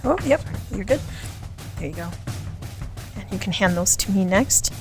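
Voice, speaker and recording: A woman's voice: mid-range voice, expressive, moderate pace, faint music behind. A woman hosting a timed sewing challenge, encouraging and giggly while she calls out time and lends a hand. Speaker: host. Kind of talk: competition show hosting.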